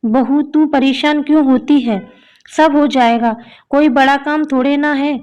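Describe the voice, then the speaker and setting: A woman's voice: sits high, steady tone, unhurried, a little mellow. A woman reading the lines of a kindly, insistent older mother-in-law in a coaxing, affectionate way.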